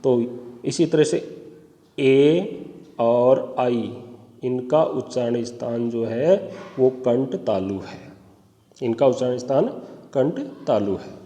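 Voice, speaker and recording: A man teaching an exam-prep Sanskrit phonetics lesson, speaking slowly and deliberately, spelling out sounds one by one and addressing viewers as friends. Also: mid-range voice, dark tone, long reverb tail, dull audio.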